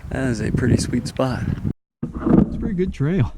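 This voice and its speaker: A man's voice: mid-range voice, lively intonation, moderate pace. A man filming himself as he hikes a mountain trail, talking casually, enthusiastic and a bit out of breath. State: out of breath from climbing. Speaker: hiker filming his trip. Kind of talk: casual vlog narration while hiking. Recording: noisy outdoor recording.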